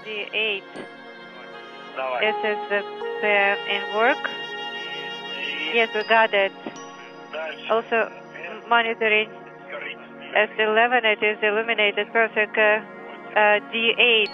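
A man with a notably high voice talks to a crew over a space radio comm loop, and the sound comes through muffled and narrow. He keeps to short, procedural confirmations, checking each item and reading it back. Music plays clearly underneath him. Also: monotone, takes it slowly, long pauses. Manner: clipped, procedural call-and-confirm. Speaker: mission control communicator.

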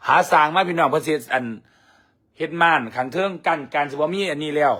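A man with an Isan Thai accent talks on a live stream in a husky, somewhat high voice. He protests and teases his co-host in quick, casual exchanges. He keeps turning to speak to his viewers. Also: pushed and bright. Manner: teasing, protesting, addresses viewers as brothers and sisters.

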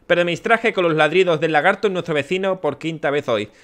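A man putting on a frantic, high-pitched Spanish village father. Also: fast, fairly bright tone, natural voice. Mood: pleading. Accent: Spain. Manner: pleading, breathless and high-strung.

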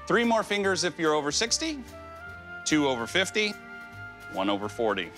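Male ad spokesman, deadpan and blunt, lively pitch, light music bed. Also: normal speed. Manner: blunt, deadpan direct address. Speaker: actor in a health ad playing a doctor. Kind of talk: comic scripted ad.

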